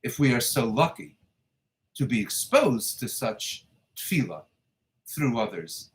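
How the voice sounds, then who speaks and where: A male rabbi giving a short sermon on scripture in measured, emphatic phrases with deliberate pauses, weaving in Hebrew terms. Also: mid-range voice, sing-song. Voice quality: Hebrew terms and quotations woven into speech. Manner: poses rhetorical questions.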